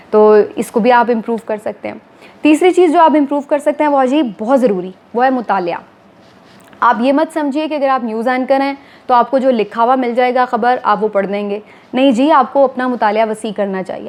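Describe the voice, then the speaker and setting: A woman, a TV anchor calmly explaining to viewers, step by step, how to become a news anchor. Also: fairly high pitch. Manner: steady, explanatory, addressing viewers formally. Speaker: TV anchor giving career advice. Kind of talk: instructional talk to camera.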